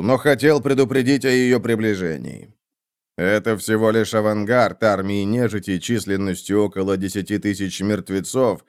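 A man voicing a proud, grieving nobleman in an audiobook, declaiming loudly and slowly. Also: lowish voice, clear, resonant tone, natural voice. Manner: loud, slow, declaiming.

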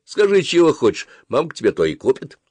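A man voicing an older female nurse who talks in a gruff, muffled way. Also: medium pitch, huge pitch swings, fairly quick, a little mellow, no echo, voice pushed up. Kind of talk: audiobook character reading.

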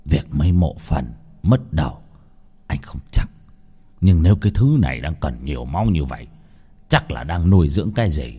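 A man voicing a grizzled old male exorcist who mutters in a low, unhurried way. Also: big pitch swings, dark tone, slightly rough, full character voice. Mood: gruff.

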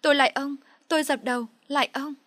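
A desperate young mother pleads through tears, her voice pushed higher and louder than the narration, as a woman reads her. The sound is close and dry, with no room around it. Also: steady tone, moderate pace, no room sound. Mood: pleading. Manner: begging, sobbing pleas.

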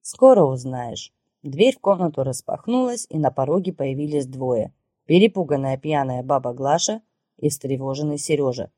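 Warm-voiced woman reading an audiobook. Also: deep voice, slightly rough, no room sound, clean studio sound. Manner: steady, measured reading. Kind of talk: audiobook narration.

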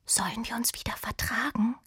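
A woman voicing a quick-tempered schoolgirl who is the older sister in a children's storybook reading. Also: on the high side, breathy edge, dry recording, pitched above the performer's own voice. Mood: whispering. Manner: shouting angrily, then whispering contritely.

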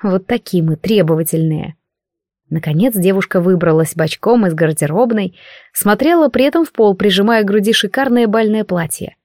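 A woman narrating a first-person audiobook in a wry, expressive way. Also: mid-range voice, moderate pace, dry recording, studio quality.

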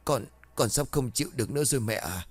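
A man's voice: medium pitch, lively intonation, quick pace, husky, no room sound, soft background music. A man voicing a sick, weak teenage son in pain, in a spoken ghost story. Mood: weak suffering. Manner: weak, strained complaints.

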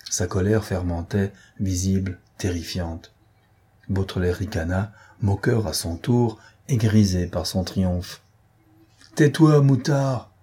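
A man narrating a literary audiobook with measured, dramatic storytelling. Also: sits low, steady tone, dark tone, breathy edge.

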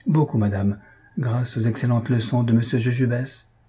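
A husky-voiced man reading aloud, voicing a polite, grateful young woman in a storybook. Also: medium pitch, steady tone, moderate pace, dark tone, close to an everyday voice.

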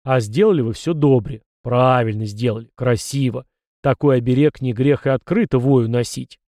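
A man voicing a gruff, scolding ancestor spirit in an audiobook. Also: mid-range voice, normal speed, mellow, no room sound, studio quality, lightly acted. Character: grumpy ancient male ancestor spirit.

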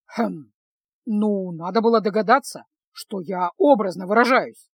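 A woman reading a storybook, voicing a gruff, sardonic male mage in a curt, grumbling manner. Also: mid-range voice, a little slow, dry recording, studio quality. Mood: irritated.

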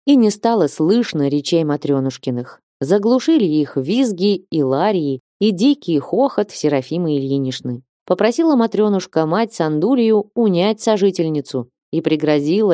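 A woman reading a classic novel aloud in a measured, expressive narration. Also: fairly low pitch, no echo, clean studio sound. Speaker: audiobook reader. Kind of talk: literary narration.

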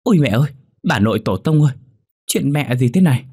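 A man voicing a cocky, boastful drunken young man in a ghost story, rattling his lines off quickly. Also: low voice. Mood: panicked. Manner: cocky, then shrieking in panic.

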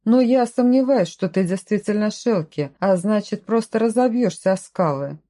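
A woman's voice: mid-range voice, expressive, moderate pace, mellow, natural voice. A woman reading the lines of a stern, distrustful man who speaks in short commanding phrases in a storybook reading. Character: stern suspicious grown man, curt castle lord.

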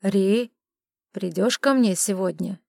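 A woman voicing a lazy, charming duke in an audiobook, talking in a calm, coaxing way. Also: medium pitch, slow, vocal fry, no echo, studio quality. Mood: coaxing, teasing. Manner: coaxing, placid. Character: lazy, charming middle-aged male duke. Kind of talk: audiobook character reading.

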